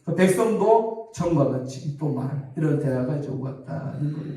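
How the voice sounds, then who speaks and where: A middle-aged pastor with a Gyeongsang accent, preaching a sermon in a conversational storytelling way and acting out quoted dialogue. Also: male voice, fairly high pitch, lively intonation, normal speed, mellow, recorded from a distance. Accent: Gyeongsang Korean. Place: church sanctuary. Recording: echoey church hall from afar.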